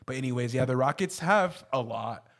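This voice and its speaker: A man's voice: medium pitch, animated, moderate pace, fairly bright tone. Casual, slangy man talking sports. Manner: slangy, conversational. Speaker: sports podcast host giving opinions.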